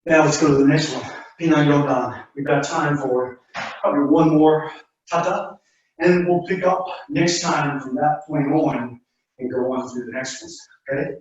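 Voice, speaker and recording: A man's voice: fairly high pitch, fairly even intonation, normal speed. A man explaining karate to a class as the instructor, informal and instructive, often checking in with short questions. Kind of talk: casual spoken explanation to a class. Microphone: distant camera microphone. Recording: very echoey room, distant mic, dull sound.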